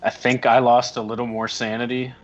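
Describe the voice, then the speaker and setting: A man playing a tabletop game, practical and low-key in a casual way. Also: flat delivery, a little fast. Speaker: player. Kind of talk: tabletop play. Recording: dull lo-fi mic, faint piano.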